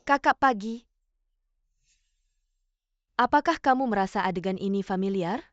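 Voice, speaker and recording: A young actress dubbing a spiteful, gloating half-sister in a short drama, taunting and scornful. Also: female voice, medium pitch, animated, measured pace, no room sound, dull audio, natural voice. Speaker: dub actress.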